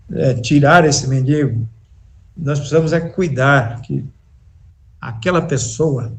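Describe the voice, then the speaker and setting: A male pastor preaching a sermon in a church, slow and emphatic, with pauses and restarts. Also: medium pitch, a little mellow. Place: church sanctuary.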